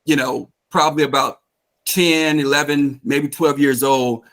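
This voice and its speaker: Speaking fairly high and a bit slowly, in a steady, fairly bright tone, a Georgia man in his fifties chats as an interview guest. He's a real estate investor, and he shares his stories in a warm, affable, enthusiastic way.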